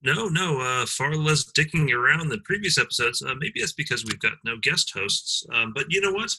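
Rambling male co-host with a husky voice. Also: mid-range voice, animated, normal speed, pushed and bright, rough recording. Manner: rambling, filler-heavy ironic asides. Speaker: podcast co-host. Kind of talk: comedic podcast banter.

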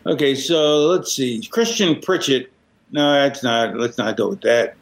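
A man hosting a podcast in casual chat, reading fan mail aloud and joking in a slow drawl. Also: medium pitch, echoey room. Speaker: podcast host.

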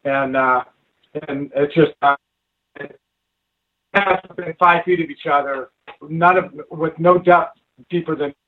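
A man's voice: on the high side, steady tone. Man on a breaking-up phone line. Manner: halting, with repeated restarts. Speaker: caller. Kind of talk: casual storytelling. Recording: tinny, cutting-out phone line.

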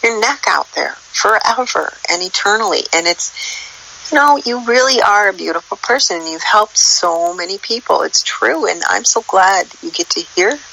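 A woman's voice: mid-range voice, animated, moderate pace, vocal fry, pushed and bright, a little hiss or hum, rough recording. A woman guest in a casual spiritual chat, telling a story in an earnest, rambling way.

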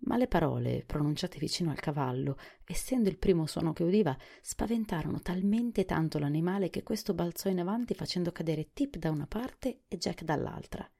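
A woman narrating a children's storybook in a calm, measured reading. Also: lowish voice, gravelly, slightly rough.

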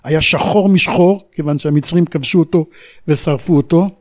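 A man in his seventies, a war veteran recounting his memories in an interview, acting out the radio calls as he goes. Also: on the high side. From Israel. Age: 70s. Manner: animated storyteller who acts out radio calls.

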